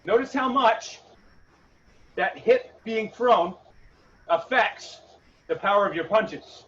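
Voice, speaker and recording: High-voiced male coach calling combos, distant mic. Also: expressive, slow, fairly bright tone. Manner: coaching cues, calling out moves and punch combinations in short bursts. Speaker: fitness coach leading a home HIIT workout. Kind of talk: live exercise instruction with short cues and counts. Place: indoor garage-style gym. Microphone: camera several metres away. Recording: distant mic, muffled, noisy gym.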